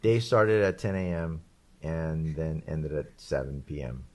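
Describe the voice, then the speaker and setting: A man co-hosting a podcast, telling a tabletop game story in a rambling, animated way with laughs and restarts. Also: extremely low pitch, measured pace. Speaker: podcast co-host. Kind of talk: casual chat.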